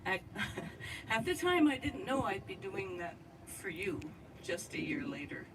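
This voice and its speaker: A woman giving a memorial eulogy at an outdoor gathering, speaking straight to her departed friend with heartfelt warmth. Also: mid-range voice, big pitch swings, unhurried. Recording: distant mic with outdoor noise.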